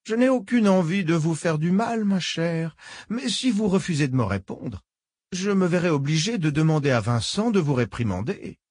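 A man voicing a sinister old woman who speaks in a soft, honeyed, menacing way. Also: on the high side, very animated, normal speed, dry recording, clean studio sound, voice pushed up. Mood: falsely sweet. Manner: honeyed, menacing, repeats "ma chère".

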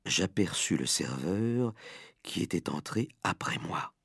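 Male audiobook narrator, lively swings in pitch, dramatic, dry close sound. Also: unhurried, husky, no room sound. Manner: animated, dramatic first-person telling. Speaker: audiobook reader. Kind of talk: expressive storybook narration.

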